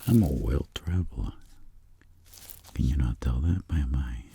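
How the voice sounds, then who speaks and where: Here a man takes on the role of a roguish, bragging globetrotter peddling tingles in a whispered ASMR scene, delivering meandering deadpan stories in a gravelly, breathy tone. The voice rumbles low at a measured pace, with a slight hiss or hum, fully in character. The mood stays playful and boastful.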